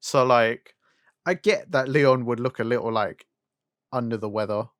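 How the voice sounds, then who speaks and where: A man's voice: mid-range voice, moderate pace, fairly bright tone. A young man co-hosting a casual, sweary chat, griping and asking rhetorical questions. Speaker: podcast co-host. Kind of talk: casual chat about animation and games.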